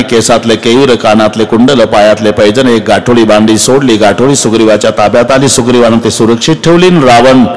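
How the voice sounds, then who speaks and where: A middle-aged man preaching a devotional story sermon, animated and acting out voices as he tells it. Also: mid-range voice, low-quality recording. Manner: animated storytelling with acted voices and jokes to the crowd.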